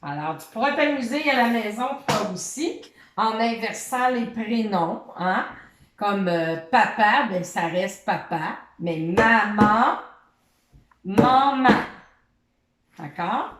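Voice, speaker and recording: A woman's voice: medium pitch, lively intonation, noisy background. A woman teaching a syllable game to young children from her living room. She speaks straight to the child and draws out each syllable. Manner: talks directly to a child, drawing out syllables slowly. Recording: roomy echo of a home room.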